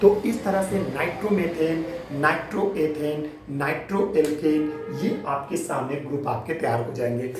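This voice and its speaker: Speaking at a normal speed with few pauses, a fairly high-voiced man lectures on chemistry, breaking a reaction down step by step, addressing students as "beta" and posing rhetorical questions to check they follow. He's far from the mic in an echoey, noisy room with faint ambience.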